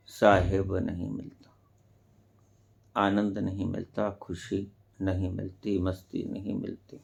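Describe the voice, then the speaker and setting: A man giving a spiritual discourse as a teacher, speaking deliberately with sudden loud emphatic rises. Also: fairly low pitch, gravelly. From India.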